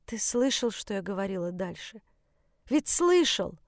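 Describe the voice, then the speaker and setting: A woman's voice: medium pitch, big pitch swings, a little slow, no echo, studio quality. A woman voicing a desperate mother pleading with her teenage son, in an audiobook. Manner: pleading, frantic, tearful.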